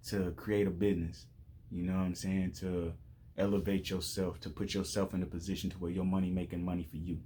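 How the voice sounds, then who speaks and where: A man in his late twenties rambles through casual motivational life advice, restarting often and dropping plenty of "you know what I'm saying." His voice is deep and warm.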